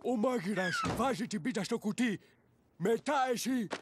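A man's voice: sits high, expressive, noisy background. A man voicing a bossy, curt pizzeria owner giving orders in a cartoon dub. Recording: cartoon music behind.

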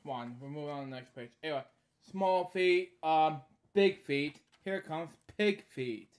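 In a small room at home, a man in his thirties reads a children's book aloud for his homemade story series. His voice is somewhat higher-pitched, and he reads in short, halting lines. Between them he slips in casual asides, repeating the same stock phrases.

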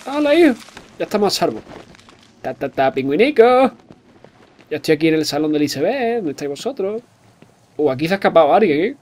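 Excitable swearing gamer. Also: male voice, a little high, a little fast, pauses often. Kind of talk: let's play commentary.

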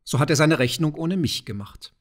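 A man's voice: a little high, lively intonation, moderate pace. A man voicing a fat, proud, wealthy old farmer who talks in a blustering, mocking way.

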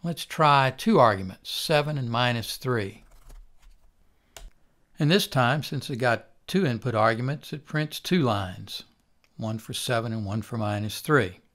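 Older guy walking thru code step by step, calm lecture voice, mid pitch. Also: a little slow. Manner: calm, methodical explaining. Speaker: instructor. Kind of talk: recorded programming lecture.

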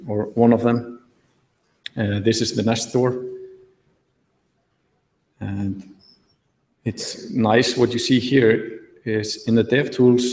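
A young man giving a relaxed tech talk at a meetup, thinking aloud with fillers from a podium in a large auditorium. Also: medium pitch. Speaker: conference speaker. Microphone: podium mic, recorded from the hall. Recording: echoey hall.

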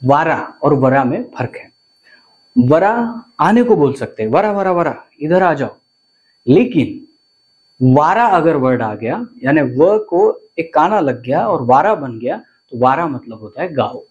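A man's voice: fairly high pitch, big pitch swings, takes it slowly, darkish tone, highs cut off. A man, teaching vocabulary to viewers and often repeating words and asking questions. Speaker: language teacher.

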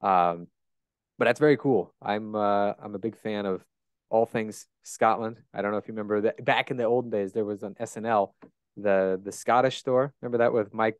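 A fairly low-pitched man's voice, clean in tone and fairly even in intonation, moves at normal speed with no room sound. He is an American podcast host in his thirties with a Great Plains accent, casually interviewing a guest from a bright room at home with curious, chatty questions and frequent restarts, speaking into a handheld dynamic mic up close.

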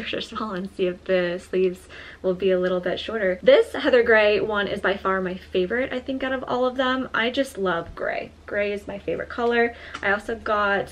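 Chatty young woman vlogging a haul. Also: medium pitch. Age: young adult. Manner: chatty, frequent "like" fillers, friendly address to viewers. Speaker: lifestyle vlogger. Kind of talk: casual try-on haul chat. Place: small modern apartment indoors.

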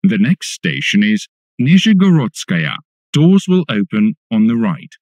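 A man making recorded subway announcements, formal and deliberate in the way he announces stations. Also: on the low side, big pitch swings, a little mellow, dry recording. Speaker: English-language metro announcer.

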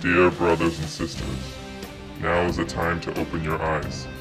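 Super deep disguised voice, masked hacker spokesman, dead flat monotone, music underneath. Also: normal speed. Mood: grave. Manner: solemn monotone proclamation. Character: masked anonymous male hacker spokesman, grave and menacing. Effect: disguised, pitched-down deep voice. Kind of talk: comedy parody announcement.

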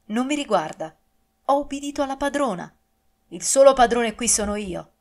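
A woman's voice: mid-range voice, brisk, lightly acted. A domineering nobleman, as a woman narrator reads him, speaks in clipped, harsh commands. He sounds cold and sure of his power in this audiobook reading.

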